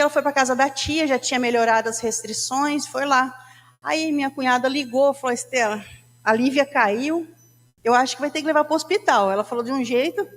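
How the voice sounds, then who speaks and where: Brazilian woman lecturer, high-pitched, chatty anecdotal spiritist talk, reverberant hall. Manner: chatty storytelling, addresses audience as gente.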